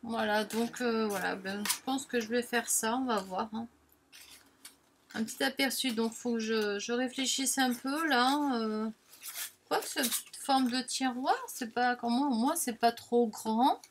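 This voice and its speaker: Woman rambling through a diy craft, kinda high voice, chatty and self-mocking. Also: measured pace, a little hiss or hum. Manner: chatty, self-deprecating, frequent filler tags. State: has the hiccups. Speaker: crafting vlogger. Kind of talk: casual craft demonstration.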